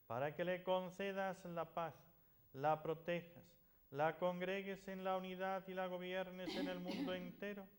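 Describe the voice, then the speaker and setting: Male priest, notably high voice, delivering formal Mass prayers. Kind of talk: liturgical prayer recitation.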